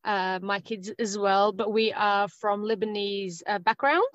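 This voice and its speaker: An Australian author in her thirties, a guest on a casual interview, rambles hesitantly and leans on lots of fillers. Her mid-range voice is unhurried with fairly even intonation, and the lo-fi recording sounds dry and dull, with no room sound.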